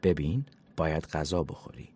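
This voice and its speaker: A man's voice: a bass voice, a little mellow, slightly rough, exaggerated voice. A man voicing a weary, sarcastic young woman who keeps to herself, speaking curtly in a storybook reading. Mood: flat.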